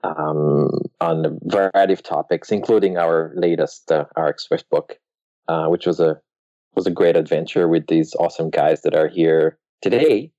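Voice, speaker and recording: A man guest on a podcast, talking casually and hesitantly with many pauses. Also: rumbling low, steady tone, warm tone, no echo, dull audio. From Europe. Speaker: guest author.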